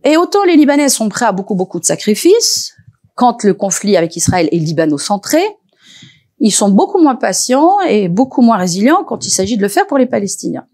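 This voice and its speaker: A woman researcher speaking as an expert on a panel, lively and animated, often pausing with hesitations and restarts. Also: mid-range voice. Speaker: researcher and lecturer. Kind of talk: expert talk at a panel discussion.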